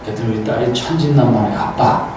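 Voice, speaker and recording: Middle-aged male professor, playful storyteller, slightly high voice; heard from afar in a noisy auditorium. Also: lively intonation, normal speed. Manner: playful, teasing the audience. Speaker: professor giving a guest lecture. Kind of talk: humorous lecture with anecdotes. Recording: echoey hall from far off, noisy.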